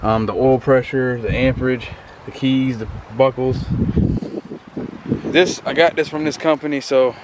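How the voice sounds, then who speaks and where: A man records a casual outdoor vlog, with wind blowing loudly across the microphone. His voice sits at an ordinary male pitch. He rambles through a walkthrough in a folksy, informal way, addressing his viewers directly. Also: steady tone, measured pace, long pauses. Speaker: vlogger showing equipment bought for a business. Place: outdoors on a windy day. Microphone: handheld camera, flipped between self and subject.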